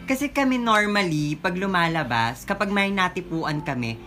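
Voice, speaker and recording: A woman guest in a casual chat, eager and talkative, answering with quick yeses. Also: fairly low pitch, expressive, fairly bright tone, soft background music.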